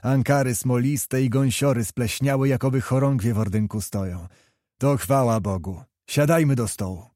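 A man voicing a male brawler nobleman with a thin, squeaky voice. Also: moderate pace, a little mellow, dry recording, studio quality, lightly acted. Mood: jovial.

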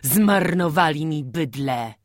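A woman reading aloud voices an old, quick-tempered village farmer who scolds in rough country dialect. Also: mid-range voice, lively intonation, no echo, clean studio sound, voice pushed up, natural voice. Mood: angry. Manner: angry scolding peasant dialect.

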